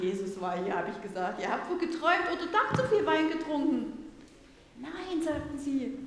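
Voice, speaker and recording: A woman preacher playing the doubting apostle Thomas, telling his story in the first person and speaking directly to the congregation. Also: sits high. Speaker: preacher in a church service. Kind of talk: first-person role-play sermon. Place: large church. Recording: echoey church hall, faint noise.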